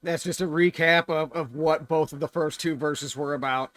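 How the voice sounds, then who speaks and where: A man's voice: a little high, steady tone, moderate pace, fairly bright tone, no echo. A middle-aged man hosting a reaction video, thinking aloud in an earnest, casual way.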